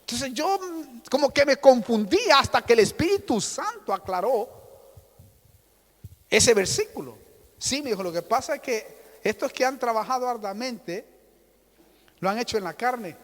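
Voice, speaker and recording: A man preaching a sermon as pastor, calling his listeners "hermano", with sudden loud outbursts and dramatic quoted voices. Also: very high voice, expressive, moderate pace, long pauses, long reverb tail. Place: church hall.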